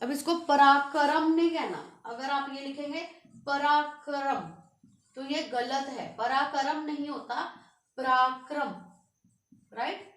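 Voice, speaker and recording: A woman teaching a Hindi vocabulary lesson, reading each word slowly and stressing its correct pronunciation. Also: sits high, a bit bright, reverberant. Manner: slow, careful, stresses each word's pronunciation.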